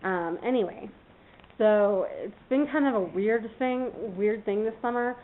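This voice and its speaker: A woman's voice: medium pitch, measured pace. Woman vlogger from California, rambling casual chat, thin phone-like recording. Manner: rambling, many fillers, talks to her puppy. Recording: tinny phone-like sound.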